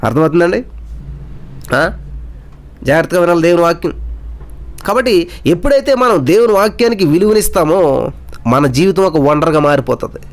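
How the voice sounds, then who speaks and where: A man's voice: fairly high pitch, animated, normal speed, pauses often. A man preaching a sermon with emphatic rhetorical questions, mixing English words into his speech.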